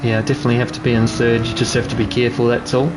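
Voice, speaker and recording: A man with a New Zealand accent commentating his own sim racing live, chatty and relaxed, answering chat. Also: mid-range voice, very fast, background noise. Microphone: gaming headset.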